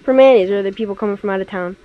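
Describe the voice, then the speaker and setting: Quick-talking young woman interviewer, slightly muffled. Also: mid-range voice, level tone. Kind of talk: casual on-location interview. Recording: dull lo-fi sound, faint location noise.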